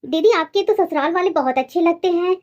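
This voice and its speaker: A woman's voice: very high-pitched, brisk, a little mellow, dull audio, slight background noise. A woman playing a sly, sweet-talking young daughter-in-law who placates her mother-in-law in a comedy skit. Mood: sugary. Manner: sugary, placating. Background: background music.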